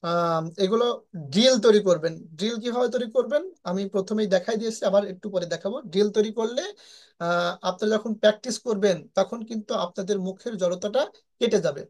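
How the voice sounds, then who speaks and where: A woman's voice: mid-range voice, fast, a little mellow. A woman teaches an online English lesson. She walks through each point step by step, asking rhetorical questions and checking in with her listeners as she goes. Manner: explains step by step, asks rhetorical questions, frequent "হ্যাঁ?" checks.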